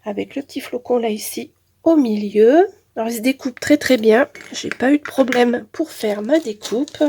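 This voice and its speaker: A woman's voice: fairly high pitch, a little mellow, a little hiss or hum. A woman with a head cold and blocked nose, talking nasally as she casually presents handmade crafts as a channel host. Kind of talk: casual craft showcase narration.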